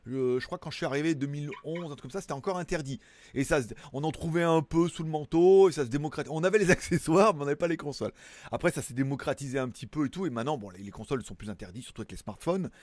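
A chatty man hosts a tech news show with a fairly high voice, rambling between topics and tossing in jokey asides. He sits close to the mic in a dry, dead-sounding room. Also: very fast, a little mellow, no room sound. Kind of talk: casual chat.

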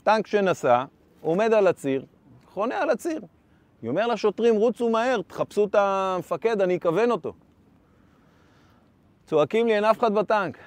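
A man in his fifties, a former tank brigade commander, giving an urgent first-person account of combat and re-enacting the shouted orders. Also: sits high, big pitch swings, long pauses, no room sound.

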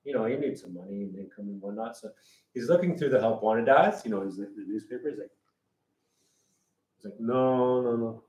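A man's voice: lowish voice, expressive, fairly quick, long pauses, darkish tone. A man chatting casually in a hair salon, telling long rambling jokes and slipping into voices for the characters. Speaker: hairdresser. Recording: echoey room, mic far off.

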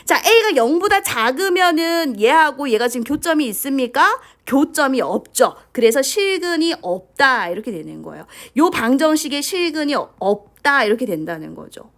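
Female math teacher, animated pitch, high-ish voice, prompting students with constant questions. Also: moderate pace, hardly any pauses. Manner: lively, keeps asking questions and prompting with "자". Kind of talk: lecture to students.

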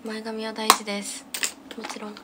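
A woman's voice: a little high, monotone, moderate pace. A young woman chatting casually on a livestream while busy getting ready, muttering short, absent-minded fragments to herself and her viewers. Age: young adult. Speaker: live streamer. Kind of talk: casual livestream chat while doing makeup. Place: small room at home, indoors. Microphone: phone at arm's length. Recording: clearly noisy home phone recording.

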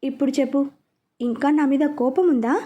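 A woman's voice: high-pitched, moderate pace, mellow, close to an everyday voice. A woman reading a story, voicing a young man who coaxes and apologizes to his fiancée. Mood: tender. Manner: coaxing, apologetic.

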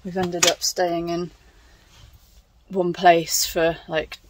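A woman's voice: fairly low pitch, little pitch movement, slow pace, noisy background. Chatty young woman vlogging. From England. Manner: chatty, thinking aloud with fillers. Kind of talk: casual travel vlog chat. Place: outdoors on a canal narrowboat. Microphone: phone at arm's length.

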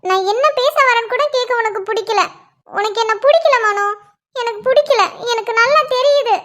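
In this cartoon voice role, a woman plays a young girlfriend whose teasing, nagging replies all become complaints. Her voice is very high and fairly bright, moving at a moderate pace.

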